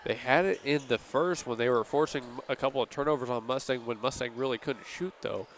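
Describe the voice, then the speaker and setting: Man calling a high school basketball game. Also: a little hiss or hum. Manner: steady play-by-play, casual asides and quick self-corrections. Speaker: play-by-play announcer. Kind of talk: radio basketball commentary.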